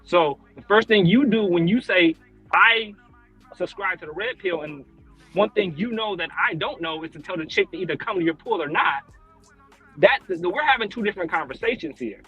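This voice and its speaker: A man arguing dismissively in a heated panel debate, with a husky, sharp voice and coarse language. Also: high-pitched, moderate pace, lo-fi sound, soft background music. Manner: argumentative, dismissive, profane.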